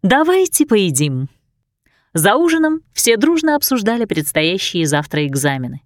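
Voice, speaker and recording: Woman reading a storybook, lively pitch, dry close mic. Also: moderate pace, dry recording. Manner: expressive, voices many characters. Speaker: narrator.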